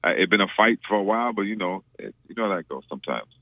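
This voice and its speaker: Very deep fast-talking man on a phone line. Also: lively intonation, no echo. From Trinidad. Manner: laid-back, repeats words, many "you know" fillers. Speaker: reggae musician guest. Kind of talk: casual radio interview. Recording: dry tinny phone line.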